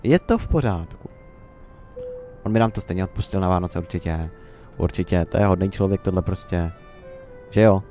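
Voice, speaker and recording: Young Czech man, low voice, casual rambling let's-play commentary, faint music under it. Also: mellow. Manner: rambling, musing, talks to himself and the game.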